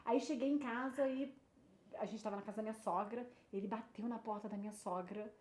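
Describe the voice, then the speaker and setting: A woman's voice: fairly high pitch, fairly quick, a little mellow. A woman in her thirties, animatedly telling a personal story in casual chat and acting out the people she quotes. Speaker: guest. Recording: echoey room with faint noise.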